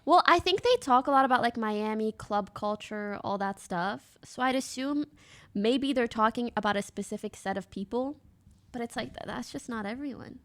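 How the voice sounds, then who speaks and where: A woman's voice: fairly high pitch, normal speed, fairly bright tone. Blunt chatty woman streamer. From Canada. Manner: blunt, chatty, reads chat aloud. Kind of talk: casual live-stream chat reacting to clips.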